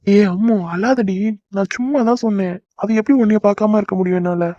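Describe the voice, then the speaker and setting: A young cartoon man, acted by a voice performer talks briskly in a mid-range voice. He coaxes and reassures the people close to him. The recording is dry and lo-fi. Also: mid-range voice, warm tone, dry recording, close to an everyday voice. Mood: coaxing. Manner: brisk, coaxing, affectionate. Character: young man, devoted son and boyfriend. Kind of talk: cartoon voice acting.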